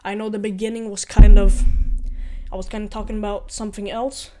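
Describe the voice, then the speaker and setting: A young man from Ukraine with a Ukrainian-Norwegian accent shares casual vlog advice a little fast, his high voice flat and mellow over slight background noise. He is earnest and rambling, often fixing his wording and going over points again.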